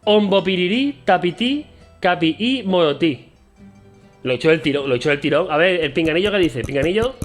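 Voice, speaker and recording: A Spanish man with a Spain Spanish accent vlogs straight to camera in a loose, chatty way, talking very fast with hardly any pauses. His voice is high for a man, and his tone is playful and self-mocking. Faint guitar music plays in the background.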